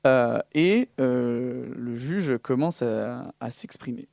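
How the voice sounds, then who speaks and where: A man with a dark, mellow, mid-pitched voice runs a tabletop game. He improvises the narration in halting pieces as game master, and the recording is very dry. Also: gravelly, no room sound. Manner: hesitant, piecemeal phrasing.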